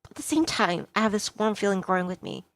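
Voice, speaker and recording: Over soft guitar background music, a woman narrates a visual novel as a streamer, reading it with lots of expression. Her mid-range voice is animated and quick.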